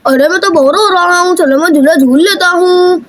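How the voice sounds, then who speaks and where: A woman's voice: very high-pitched, moderate pace. A woman doing a chattering boy doll. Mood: excited. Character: playful young boy doll.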